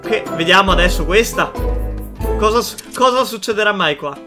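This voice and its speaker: A man's voice: sits high, lively intonation, moderate pace, over music. A man, giving casual reaction commentary on game clips, trying not to laugh, repeating himself with playful mock sympathy. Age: 20s. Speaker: gaming video host. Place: indoor streaming setup.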